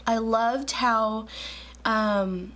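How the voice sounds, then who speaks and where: A woman in her twenties, just woken up with a raspy morning voice, chatting casually and rambling with many fillers in a planning vlog. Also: on the high side, fairly even intonation, very slow, fairly bright tone. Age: 20s. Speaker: planner vlogger.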